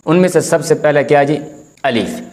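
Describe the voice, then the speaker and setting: A man teaching beginners to read the Quran, calmly explaining how each letter is said and drawing out the sounds to demonstrate them. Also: mid-range voice, normal speed. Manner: firm when correcting common mistakes. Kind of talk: recorded beginner lesson, explaining letter pronunciation.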